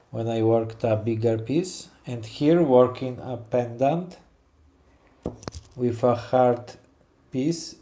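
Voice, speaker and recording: Chatting casually as he carves, a woodcarver from Poland speaks in a dark, mid-range voice with a Polish accent. He often stops mid-thought to find the right English words.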